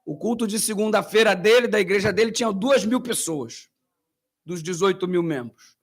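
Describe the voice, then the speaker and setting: A Brazilian man, a pastor, preaching a sermon with animated storytelling, slang and acted-out voices. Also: sits high, normal speed. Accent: Brazilian Portuguese.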